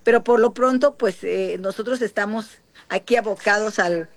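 A woman with a Mexican coastal accent, a politician answering interview questions in a measured way with many pauses. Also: mid-range voice, no echo. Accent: Mexican, from the Guerrero coast. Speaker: interviewed senator and candidate.

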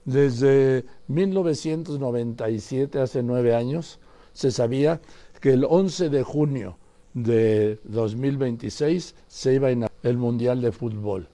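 Pushy Mexican host, dark voice. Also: male voice, medium pitch, unhurried. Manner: pressing, prods guests for answers. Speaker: panel host. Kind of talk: opinion panel discussion.

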